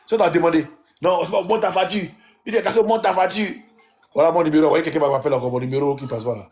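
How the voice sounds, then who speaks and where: A man's voice: fairly high pitch, fast, vocal fry, darkish tone. Teasing Ivorian man hosting a live stream. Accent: Ivorian French. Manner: teasing, repeats himself. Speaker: livestream host. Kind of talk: casual live-stream banter.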